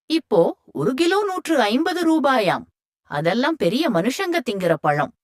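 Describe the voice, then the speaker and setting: Woman doing a stern stingy mother-in-law, scolding, highish voice. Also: very animated, unhurried, no echo, clean studio sound.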